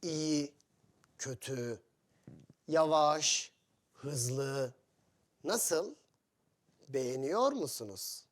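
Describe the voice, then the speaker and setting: Very slow, lively-voiced male teacher. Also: on the high side. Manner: slow, simple phrasing with many repetitions and questions to learners. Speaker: Turkish teacher. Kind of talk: language lesson for foreign learners.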